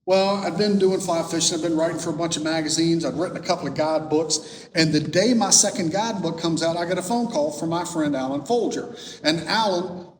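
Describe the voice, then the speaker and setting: A middle-aged man gives a storytelling talk as an author, acting out the people he quotes. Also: fairly quick. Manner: lively storyteller who acts out quoted dialogue. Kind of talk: storytelling presentation. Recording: roomy hall echo, distant mic, faint rumble.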